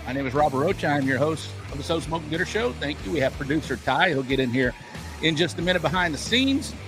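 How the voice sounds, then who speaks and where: A man's voice: fairly high pitch, animated, fast, over music. A man hosting a live show in casual, informal chat, earnest and a little hesitant. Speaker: podcast host.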